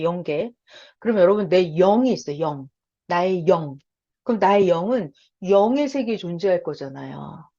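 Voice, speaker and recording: Animated woman preaching, lo-fi sound. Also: fairly high pitch. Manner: animated, gestures while explaining, frequent laughs. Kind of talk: sermon-style teaching. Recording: dull lo-fi sound.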